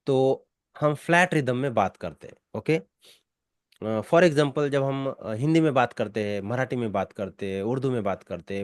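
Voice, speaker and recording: A man's voice: mid-range voice, no echo, studio quality. An Indian man teaching spoken English, explaining in a mix of Hindi and English and repeating his key points.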